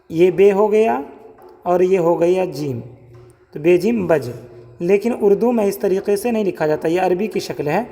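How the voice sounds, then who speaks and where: A man teaching how to write Urdu letters step by step, spelling out and repeating each letter sound slowly. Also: high-pitched, dark tone. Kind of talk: step-by-step writing lesson. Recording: long hall reverb.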